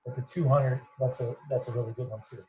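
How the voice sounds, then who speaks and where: Guy coaching runners on a muffled video call, kinda monotone, rambles on, bit of hiss behind. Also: medium pitch, quick pace. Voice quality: muffled, fuzzy. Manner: rambling, repeats words, self-described monotone. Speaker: running coach. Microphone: computer mic on video call.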